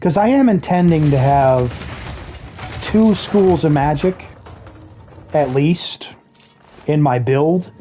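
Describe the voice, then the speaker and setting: A game streamer chatting casually over gameplay, explaining mechanics with dry jokey asides, throat a bit rough with the odd cough. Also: medium pitch, expressive, slow pace, pauses often, mellow, a little hiss or hum. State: throat trouble, occasional coughing.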